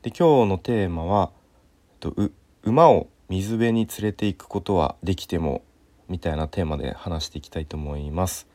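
A man in his thirties hosting a casual solo talk show, relaxed and unhurried with lots of fillers, his throat a little sore and his nose stuffy. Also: low voice, dry recording. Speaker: podcast host.

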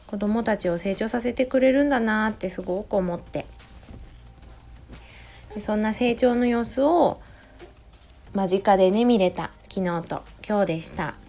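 A woman in her thirties, a mother, talking in a gentle, chatty way in a casual solo audio diary, close to the mic. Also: a little high. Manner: gentle, chatty, many soft "ne" tags. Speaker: podcast host, mother of a preschooler. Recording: faint music behind voice.

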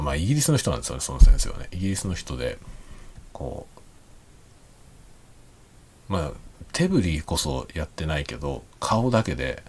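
A man talking quietly and rambling in a late-night solo chat, with soft chuckles and self-deprecating remarks. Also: a bass voice, husky. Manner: speaks quietly while drinking. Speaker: podcast host.

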